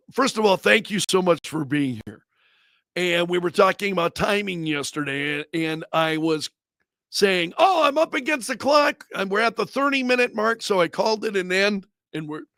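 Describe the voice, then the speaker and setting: A man's voice: sits high, vocal fry, a bit bright, no room sound, clean studio sound. A man hosting a casual livestream chat, talking loosely to his viewers with frequent restarts and asides. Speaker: radio host and brand manager.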